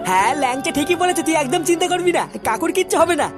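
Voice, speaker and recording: A woman's voice: very high voice, lively intonation, rapid-fire. A woman voicing a brash, bossy young village man in a cartoon who scolds his friends. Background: background music.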